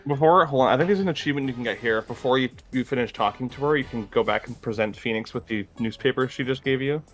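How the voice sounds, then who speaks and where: A man's voice: medium pitch, quick pace, faint music behind. A man co-hosting a game playthrough in casual conversation. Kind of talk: casual chat.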